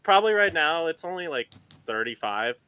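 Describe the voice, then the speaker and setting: A man's voice: a little high, big pitch swings, fairly quick, sharp tone, clear, resonant tone. A young man, a podcast guest, telling a profane story in casual chat and laughing often.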